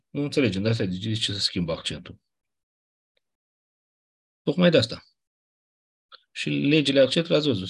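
A man teaching a class, explaining grammar rules patiently, often checking that students follow and clearing his throat now and then. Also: medium pitch. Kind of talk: classroom lecture on Ancient Greek grammar.

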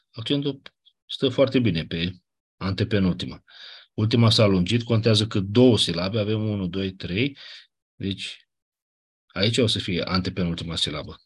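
A man teaching a class, explaining grammar rules patiently, often checking that students follow and clearing his throat now and then. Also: fairly low pitch. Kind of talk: classroom lecture on Ancient Greek grammar.

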